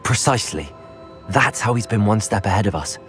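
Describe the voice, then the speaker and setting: A man's voice: on the low side, animated, fairly quick, fairly bright tone, soft background music. An actor playing an earnest young wizard student who reports urgent news to his elders.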